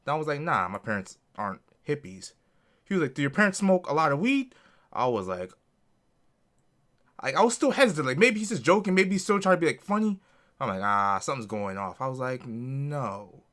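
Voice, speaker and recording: A man's voice: medium pitch, expressive, fairly quick, fairly bright tone. A man co-hosting a podcast, telling a work story in casual chat, acting out callers in different voices and swearing freely. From Connecticut. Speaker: podcast co-host.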